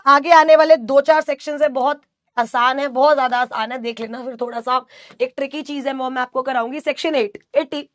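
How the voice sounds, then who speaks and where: A woman's voice: high-pitched, steady tone, a little fast, dry recording. A woman teaching an online exam coaching class, reading students' chat questions aloud and answering with playful teasing.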